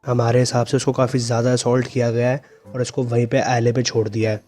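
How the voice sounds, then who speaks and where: A man's voice: mid-range voice, flat delivery, quick pace, warm tone, soft background music. A man narrating a story recap in a plain storytelling manner.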